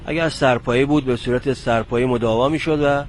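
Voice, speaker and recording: A man's voice: medium pitch, fairly even intonation, slight background noise. An older man, a former wartime nurse, giving plain explanatory answers in an interview.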